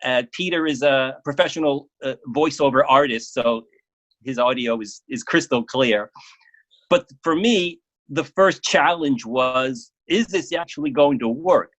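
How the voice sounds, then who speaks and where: An interview guest, a man, chats casually about his work, frequently stalling and repeating words. His voice sits in the middle range and has a slightly bright quality.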